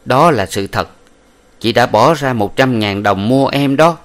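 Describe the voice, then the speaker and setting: A man voicing a shrewd, smooth-talking brothel madam in an audiobook, coaxing and sweet. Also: mid-range voice, a little slow, pitched above the performer's own voice, natural voice. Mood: blunt. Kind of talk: audiobook character voice.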